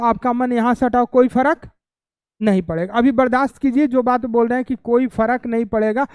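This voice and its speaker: A man's voice: extremely high pitch, darkish tone, smooth, no room sound. A male chemistry teacher giving a classroom lecture, constantly quizzing students, repeating their answers back and teasing them playfully.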